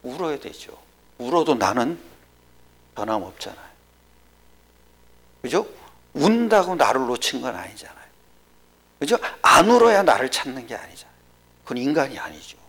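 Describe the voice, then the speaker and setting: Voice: mid-range voice, very animated, normal speed, pauses often, fairly bright tone. A pastor preaching a sermon to a congregation, often asking questions and dropping to a whisper for emphasis. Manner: drops to a whisper for emphasis, asks the audience questions.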